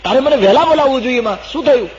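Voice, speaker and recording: A man voicing a young prince, a devoted son who pleads in a high, urgent voice. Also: normal speed, a little hiss or hum, natural voice. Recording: dull old recording in a reverberant hall.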